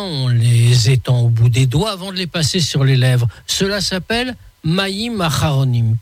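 A man's voice: mid-range voice, dry recording. Formal-reading radio columnist man. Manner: measured, formal read delivery.

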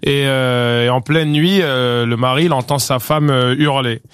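A man guest telling a joke on a radio panel in a low-key, rambling way. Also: steady tone, unhurried, a bit bright, clean tone, no echo. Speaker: guest comedian.

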